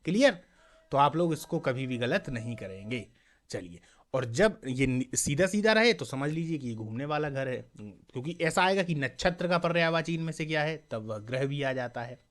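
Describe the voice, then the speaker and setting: A man teaching a mock exam class, reading each question and its options aloud, repeating them, asking viewers for the answer and often checking "clear?". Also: mid-range voice, lively intonation, normal speed. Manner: checks understanding with a frequent "clear?"; addresses viewers as friends.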